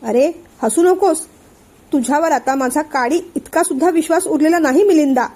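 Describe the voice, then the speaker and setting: A woman's voice: high-pitched, moderate pace, mellow, lightly acted. A woman voicing a hot-tempered suspicious young man. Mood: angry, suspicious. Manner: accusing, hot-tempered questioning.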